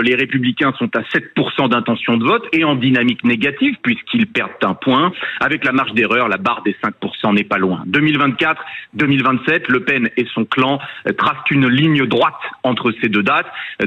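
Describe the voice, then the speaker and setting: A boxed-in, tinny remote line carries a Frenchman's voice, dull and lo-fi, with a slightly husky edge. He speaks with a French accent from France at a lowish pitch, delivering political commentary as a radio editor. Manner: boxed-in, muffled sound as if speaking inside a tin can. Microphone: remote call connection.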